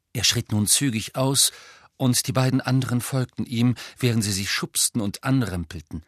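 A man reading a novel aloud as an audiobook narrator, with expressive, measured storytelling. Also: lowish voice, husky, dry recording, studio quality.

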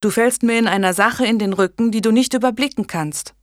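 A woman reading an audiobook, voicing a stern, angry medieval lord with a gruff, commanding manner. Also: on the high side, fairly quick, no room sound, studio quality, pitched above the performer's own voice, natural voice.

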